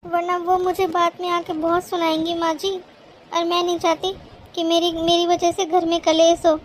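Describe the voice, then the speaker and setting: A woman's voice: very high voice, monotone, moderate pace, a little hiss or hum. A woman voicing a scheming young daughter-in-law who sweet-talks and complains in a cartoon. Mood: whining. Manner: whiny, sugary, tattling. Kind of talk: cartoon voice acting.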